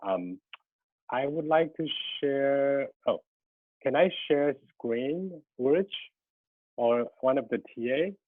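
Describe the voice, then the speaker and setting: A Taiwanese man in his thirties, a graphic designer whose first language is Mandarin, gives a guest lecture over a video call. His mid-range voice has lively intonation and a slow pace, and he hesitates with many ums and restarts. The video-call audio is tinny and dry, with no echo.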